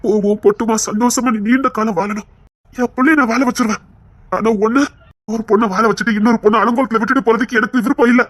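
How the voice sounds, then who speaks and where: A man playing a rough but remorseful husband who earnestly begs his wife to leave, in an audio drama. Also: extremely high pitch, steady tone, quick pace, a bit bright, no room sound. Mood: pleading. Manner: earnest, pleading, sorrowful. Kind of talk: Tamil audio story acting.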